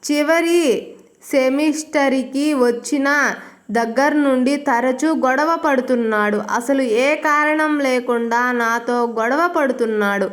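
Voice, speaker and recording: A woman's voice: sits high, a little slow. A woman reading a heartbroken young college girl. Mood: upset. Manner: hushed and tearful.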